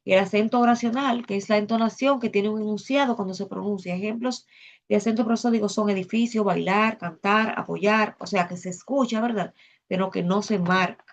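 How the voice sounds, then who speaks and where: A woman teacher explaining spelling rules in a measured way, pausing often on filler sounds. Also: mid-range voice, steady tone, a little mellow. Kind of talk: recorded spelling lesson. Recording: dull lo-fi sound.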